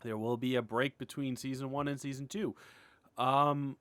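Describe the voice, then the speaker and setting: An animator and web series creator records an unscripted, casual update vlog in a dry room, his mid-range, slightly bright voice fairly even in intonation. He rambles and halts, interrupts himself, chuckles and clears his throat often, and stays informal, candid and mildly sweary.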